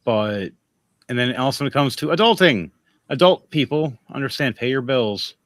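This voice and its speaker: A man's voice: mid-range voice, lively intonation, normal speed, fairly bright tone, no echo. A man hosting a podcast in casual chat, rambling and giving advice. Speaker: podcast host.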